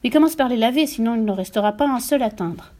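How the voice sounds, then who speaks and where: A woman's voice: on the high side, expressive, fast, lightly acted. A woman reading an audiobook aloud and voicing a vain, bossy mother who shrieks and scolds her husband. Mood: scolding. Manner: shrieking, sharp-tongued.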